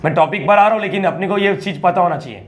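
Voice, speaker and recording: High-voiced man teaching math. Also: fast talker. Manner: colloquial, asks students frequent check questions. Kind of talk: classroom lecture.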